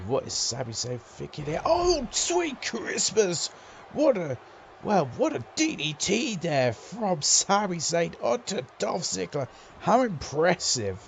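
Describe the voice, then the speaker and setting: A man calling wrestling play-by-play as a commentator, excitable and exclamatory, drawing out his calls on big moves. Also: mid-range voice, creaky, slight background noise.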